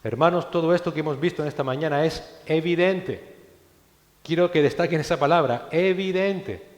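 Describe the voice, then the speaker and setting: A male pastor preaches with force, his slightly high voice rising to loud exhortation and then dropping to hushed, low phrases. He is heard in a church hall where a long reverb trails after each line. The room sounds large and echoey. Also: fairly quick. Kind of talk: sermon.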